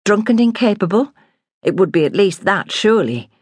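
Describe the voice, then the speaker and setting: A woman narrating a memoir in a measured, plain storytelling manner. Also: medium pitch, animated, husky, no room sound, studio quality.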